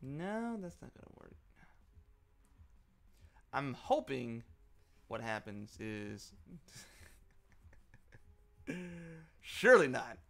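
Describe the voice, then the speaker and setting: A man's voice: mid-range voice, big pitch swings, very slow, creaky, pauses often, a bit bright. Rambling, chuckling man. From Kentucky, USA. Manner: rambling, chuckling, many ums and asides. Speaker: live streamer. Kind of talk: casual live-stream commentary while playing.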